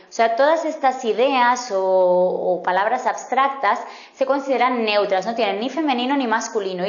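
Female teacher, patient explanatory delivery, mid pitch, roomy slightly muffled recording. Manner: patient, spells out example words slowly. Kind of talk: explanatory grammar lesson. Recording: roomy, slightly dull sound.

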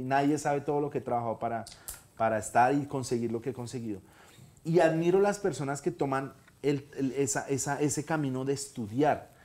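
A Colombian man in his thirties tells a personal story as a talk-show guest. He is animated and earnest, and he switches voices to act out the people he quotes. His voice sits at a middling pitch. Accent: Colombian Spanish.

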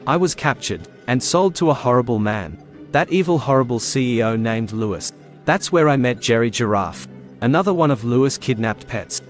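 A man voicing a bitter lion toy turned cartoon villain, speaking with slow, theatrical menace. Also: medium pitch, animated, soft background music, natural voice. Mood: bitter, dramatic. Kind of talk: dramatic cartoon villain monologue.

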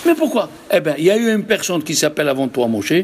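A rabbi teaching a religious lesson to a live group, emphatic and full of rhetorical questions. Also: male voice, a little high, big pitch swings, fast, slight background noise.

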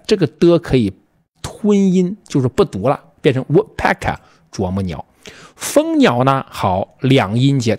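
Chinese-accented male English teacher, lively delivery, repeats words for students, dry recording. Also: mid-range voice, no echo. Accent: Mandarin Chinese. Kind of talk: casual online vocabulary lesson.

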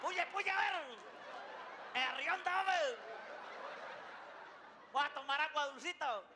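A rowdy backcountry cousin, as a male comedian puts him on, bellowing folksy slang in a voice pushed well above his own. He is loud and teasing, and the recording carries noticeable background noise. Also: very high voice, slow, pitched above the performer's own voice, heavily acted. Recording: noisy recording.

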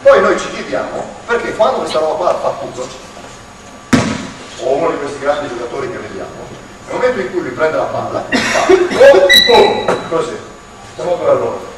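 A man running an on-court basketball clinic in a large indoor gym, explaining at length and shouting to urge the players on. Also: on the high side, big pitch swings, normal speed. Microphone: far camera in the stands. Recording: echoey gym from far off, faint noise.

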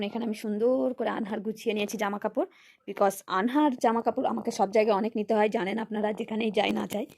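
A woman's voice: mid-range voice, creaky, warm tone. A mother filming a casual family vlog at home on a phone, coaxing her toddler in a sing-song way and chatting to viewers.

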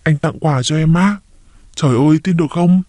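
A man's voice: fairly quick, dark tone, no echo, clean studio sound, close to an everyday voice. A man putting on a young woman's pleading voice. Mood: excited. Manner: high, pleading.

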